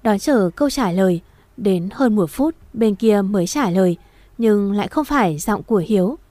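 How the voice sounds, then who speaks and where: Woman reading a sad story, warm soft voice, dry mic. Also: mid-range voice, lively intonation, normal speed, no room sound. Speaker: narrator. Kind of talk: first-person audio story reading.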